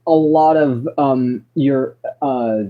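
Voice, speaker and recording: A man chatting casually with a friend, halting and trailing off with fillers. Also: medium pitch, phone-quality sound. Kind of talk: casual chat.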